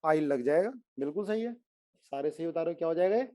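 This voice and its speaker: This chemistry teacher talks in an animated, fast way, his warm voice sitting a little high. He presses the class constantly, repeating every question until they answer.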